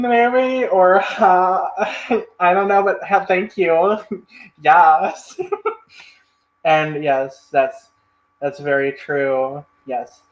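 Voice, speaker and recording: A livestream host reads and answers chat comments in a rambling, friendly way, full of fillers and restarts, and thanks viewers often. His voice is on the high side, with a roomy, lo-fi sound.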